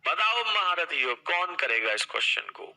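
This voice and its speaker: A man teaching a live online maths class in a high, very bright, forceful voice. He fires questions at his students and cheers them on by name. When he reads out a problem, he slows down and drags out each word. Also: sing-song, creaky, poor audio. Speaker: math teacher.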